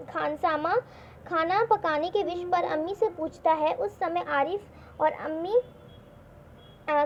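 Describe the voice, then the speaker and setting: A woman's voice: very high-pitched, gravelly. A woman teaching a worksheet lesson to children, explaining step by step, repeating words and asking the class questions. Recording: dull lo-fi recording with faint noise.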